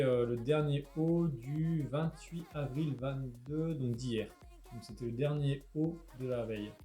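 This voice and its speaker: Casual trader, male, mellow tone, in a roomy echoey room. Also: mid-range voice. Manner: chatty, jokes and talks to himself. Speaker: crypto trader. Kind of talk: casual trading chart walkthrough.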